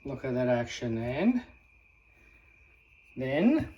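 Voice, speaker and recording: A man, casually talking himself through cooking and gardening in a home vlog, relaxed and full of fillers. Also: medium pitch, extremely slow, lo-fi sound. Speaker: vlogger, home gardener and cook. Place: home kitchen and vegetable garden.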